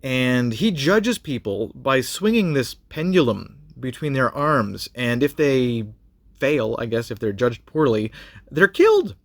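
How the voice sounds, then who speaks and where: A man's voice: mid-range voice, sing-song, unhurried, no echo. A man giving a casual spoken review of a TV episode, rambling with many fillers and restarts.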